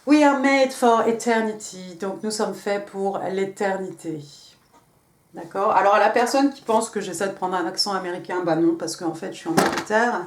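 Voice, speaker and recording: A woman reads tarot cards in a relaxed, rambling way, filling pauses with little hesitations. Her voice sits mid-range and carries a roomy echo, and a faint hiss runs underneath. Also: mid-range voice. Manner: chatty, rambling, thinks aloud with many fillers; drops English card phrases into French talk. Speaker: tarot card reader. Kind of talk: casual tarot reading to camera. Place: home in England.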